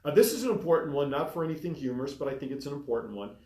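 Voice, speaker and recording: A podcast co-host chats casually on a talk show recorded in a small studio, reading lively through a list of topics. His voice is a little high and rapid-fire, and the sound is roomy.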